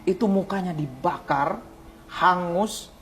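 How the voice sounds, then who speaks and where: A man, a religious teacher, recounting a near-death experience in an interview, his voice swinging between hushed and loud, pleading tones. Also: sits high, slow, soft background music. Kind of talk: emotional personal storytelling in an interview.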